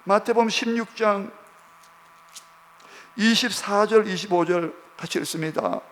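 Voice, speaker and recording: A man's voice: high voice, a little slow, fairly bright tone. A male pastor preaching a sermon in a church, emphatic and repetitive, often checking in with the congregation. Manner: emphatic, repeats points, prods the congregation with "예?". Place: church sanctuary. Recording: long church hall reverb.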